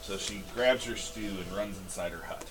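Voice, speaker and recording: A man's voice: deep voice, moderate pace, a crowd in the background. A man running a tabletop fantasy game as game master, improvising narration of scenes and asking players for their turns. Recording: music playing behind the voice.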